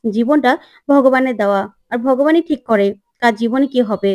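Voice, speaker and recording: Soft earnest young woman begging gently, woman doing the voice. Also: fairly high pitch, normal speed, lightly acted. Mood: pleading. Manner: soft, quiet, earnest pleading. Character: gentle caring young woman pleading softly.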